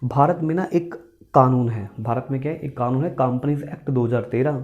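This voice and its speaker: The audio is dull as this man, speaking a little fast in a mid-range voice, gives a classroom-style accountancy lecture. He teaches by asking questions and repeating key points, addresses students as "beta," and mixes Hindi with English terms.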